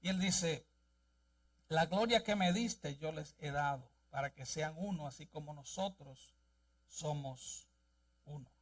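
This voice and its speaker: A man's voice: on the high side, unhurried, distant mic. A male pastor preaching a sermon and reading scripture aloud in a church, with an emphatic delivery. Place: church sanctuary.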